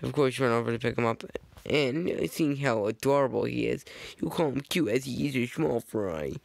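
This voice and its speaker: Gravelly, jokey man narrating slides. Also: medium pitch, moderate pace, dry recording. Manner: rambling, jokey asides, frequent self-corrections. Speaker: fan video narrator.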